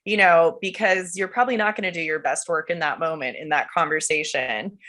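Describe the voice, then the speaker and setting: A woman's voice: low-pitched, a little fast, fairly bright tone. A woman guest talking casually and thoughtfully, full of "you know" and "like". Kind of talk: casual chat.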